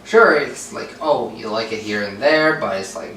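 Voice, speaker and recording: A young man co-hosting a casual podcast, sarcastic and quick to interject. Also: on the low side, lively intonation, bright, forceful tone. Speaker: podcast co-host. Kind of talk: casual chat. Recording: echoey room, far mic, clear noise.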